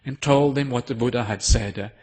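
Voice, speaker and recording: Male Buddhist monk, storytelling sermon, husky mid-pitched voice, unhurried with many fillers. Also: a little mellow. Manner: unhurried, with frequent hesitant fillers. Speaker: Buddhist monk giving a Dharma talk.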